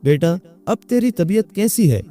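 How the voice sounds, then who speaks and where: Figure: man doing a worried elderly mother, coaxing and soft, storybook reading. Pitch raised, mellow tone. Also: expressive, soft background music. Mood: pleading. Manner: pleading, coaxing. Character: old mother, worried and pleading.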